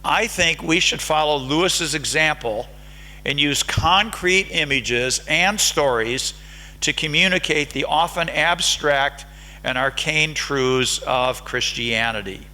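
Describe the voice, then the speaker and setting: An American man with a bright, forceful, slightly high voice delivers an academic conference lecture. He keeps the room involved by polling the audience with questions. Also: slow pace, poor audio. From United States. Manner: engaging, polls the audience with questions. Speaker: conference speaker. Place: lecture hall.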